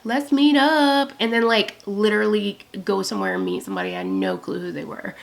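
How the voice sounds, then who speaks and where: A talkative woman in her thirties, swearing freely as she rambles through a story. Her voice has a gravelly fry under a middle pitch. She speaks to her own camera at home. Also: expressive, brisk. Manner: chatty, profane, storytelling with quoted asides. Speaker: beauty vlogger. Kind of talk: rambling get-ready-with-me chat.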